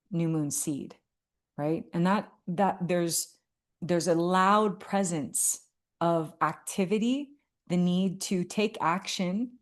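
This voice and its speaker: Woman, lowish voice, earnest spiritual vlog talk, many fillers and restarts. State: tearful at moments. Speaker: astrology vlogger. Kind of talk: heartfelt casual talk to camera.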